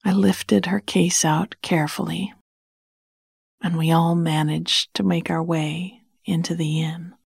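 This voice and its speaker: A woman narrating a bedtime story in a soft, hushed, soothing whisper close to the mic. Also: on the low side, flat delivery, slow pace, vocal fry, husky, no echo.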